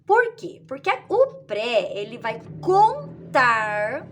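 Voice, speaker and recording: A woman teacher, explaining literacy activities in a lively way and acting out children's answers. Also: a little high, drawn-out words, over music.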